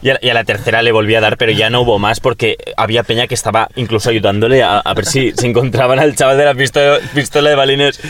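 A young man with a Peninsular Spanish accent, his voice at a middle pitch for a man. He tells his stories in an excitable, boastful way. The talk is casual podcast chat among friends. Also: quick pace, hardly any pauses. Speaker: podcast co-host.

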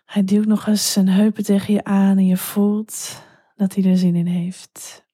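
A woman telling an intimate story in whispered role-play, slow and hushed. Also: mid-range voice, level tone, breathy edge, no echo, clean studio sound.

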